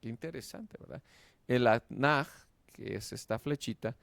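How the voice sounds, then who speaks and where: A man giving a slow lecture on Biblical Hebrew, explaining step by step and often checking in with "¿verdad?". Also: medium pitch, creaky, a bit bright, smooth, no room sound. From Mexico. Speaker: Hebrew teacher.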